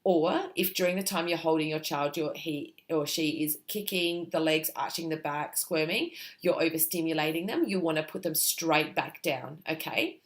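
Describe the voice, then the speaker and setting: A woman giving parenting sleep advice to camera in a relaxed, reassuring way, checking in often with "okay?". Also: deep voice, moderate pace, hardly any pauses. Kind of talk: talking-to-camera advice video.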